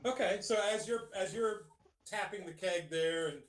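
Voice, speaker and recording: A man's voice: high voice, normal speed, echoey room, distant mic, poor audio. A man narrating as game master of a tabletop game, hesitant, with many ums and restarts.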